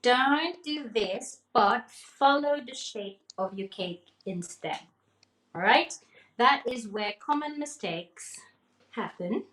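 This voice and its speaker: A woman's voice: on the high side, animated, slow pace, a bit bright. Chatty woman teaching cake decorating. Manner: chatty, checks in with "okay?", laughs often. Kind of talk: live demonstration, casual teaching. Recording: echoey room.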